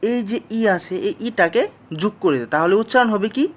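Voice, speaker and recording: A teacher gives a slow, patient language lesson, explaining every sound step by step and repeating it back to the class. The voice is mid-range and animated.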